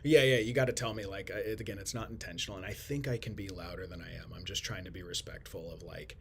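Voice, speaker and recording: Hushed low-voiced young man hosting. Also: quick pace, vocal fry, slight background noise. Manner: hushed indoor voice, rambling with fillers. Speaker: podcast host. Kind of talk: casual podcast chat. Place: shared office.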